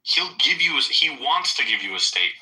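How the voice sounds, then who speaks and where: A man's voice: medium pitch, big pitch swings, moderate pace, sharp tone, low-quality recording. A man in an informal political debate, speaking in a challenging, taunting way.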